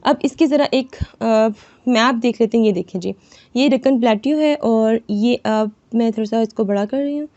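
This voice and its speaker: A woman teaching an exam-prep lesson over a screen recording, reading English lines slowly and explaining them with constant "theek hai" checks. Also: fairly high pitch, a little mellow. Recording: dull lo-fi voice-over.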